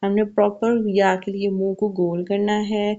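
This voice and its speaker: A woman's voice: mid-range voice, flat delivery, warm tone, muffled recording. A woman teaching children Quran recitation, explaining each rule patiently and asking questions she then answers herself. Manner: slows to recite verses carefully. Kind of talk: Quran tajweed lesson for kids.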